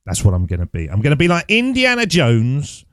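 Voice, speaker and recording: A man's voice: a little high, wildly swooping pitch, a little fast, smooth, no room sound. A man hosting his own podcast, chatting loosely and thinking aloud as he looks things up. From England. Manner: chatty, rambling, thinks aloud while searching online. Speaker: podcast host. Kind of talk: casual solo podcast teaching. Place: at home desk. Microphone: close studio mic.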